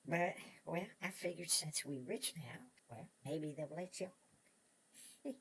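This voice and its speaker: Rambling old prospector, gravelly Old West drawl, excitable and folksy, repeats himself, Western drama, ambient noise behind. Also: male voice, a little high, slow pace, heavily acted. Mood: merry, dreamy. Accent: American Old West drawl. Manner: rambling, stammering, repeats words, chuckling old prospector talk. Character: excitable old male prospector, newly rich, chatty. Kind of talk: Western audio drama acting.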